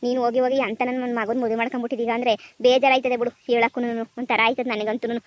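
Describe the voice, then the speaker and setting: A woman's voice: on the high side, little pitch movement, fast talker, no room sound, natural voice. A woman voicing a scolding village mistress. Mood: scheming. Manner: scolding, threatening. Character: scheming middle-aged village mistress demanding money. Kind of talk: cartoon comedy voice acting.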